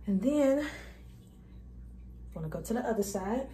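A woman's voice: fairly high pitch, expressive, unhurried, dark tone. A young woman vlogger talking viewers through a hair tutorial in a casual, chatty, informal way. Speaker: beauty vlogger.

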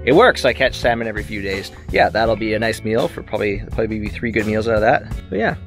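A man in his thirties talking casually to an arm's-length camera on a sailboat, relaxed and rambling with lots of ums. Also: fairly low pitch, fast talker. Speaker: sailing vlogger. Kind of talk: casual vlog narration. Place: sailboat at sea, outdoors and in cabin. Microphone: handheld action camera at arm's length. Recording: background music over outdoor audio. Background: music.

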